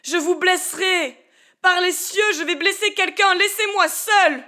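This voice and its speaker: A desperate young man, as a woman reader puts him on, shouts with a voice that keeps cracking. He is pitched high and loud, and sounds trapped but defiant. It is a storybook character voice. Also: unhurried, full character voice. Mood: frantic. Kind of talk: audiobook character voice.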